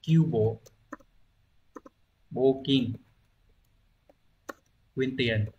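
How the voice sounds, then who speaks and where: A man's voice: mid-range voice, extremely slow, darkish tone, muffled recording, a little hiss or hum. Patient man teaching a language lesson. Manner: explains patiently, asking rhetorical check-in questions; thinks aloud with frequent hesitation fillers. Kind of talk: recorded online exam-review lesson.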